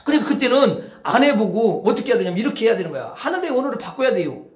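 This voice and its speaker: A high-voiced male pastor preaches with lots of pitch movement, dropping to near-whispers and then rising to loud outbursts. He keeps calling on the congregation to answer him. The sound carries the echo of a church sanctuary. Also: fast talker. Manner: animated preaching, swinging between hushed murmurs and loud outbursts; coaxes the congregation with call-and-response. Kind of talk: sermon. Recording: echoey church hall.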